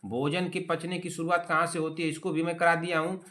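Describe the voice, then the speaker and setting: Young male tutor, bright and slightly high voice, scolds and teases his class, repeats key words. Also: flat delivery, a little fast. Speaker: teacher. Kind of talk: online exam-prep class.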